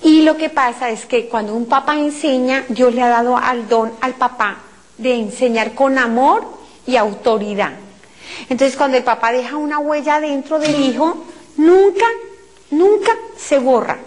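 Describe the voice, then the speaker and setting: High-pitched Colombian woman preacher, emotional testimony, cries out her pleas. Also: a little slow. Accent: Colombian Spanish. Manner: addresses listeners as brothers. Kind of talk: impassioned testimony talk.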